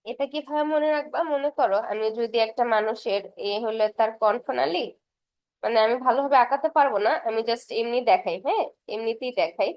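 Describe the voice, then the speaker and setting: A woman's voice: fairly high pitch, a little fast, darkish tone, no room sound. A young woman teaching a casual exam-prep lesson, patiently repeating terms and sketching as she explains. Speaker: tutor for university admission exams.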